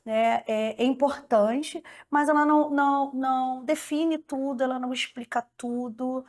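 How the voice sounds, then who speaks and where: A woman giving a documentary interview, speaking deliberately and hesitating, often repeating words. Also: high voice, fairly even intonation, a little mellow.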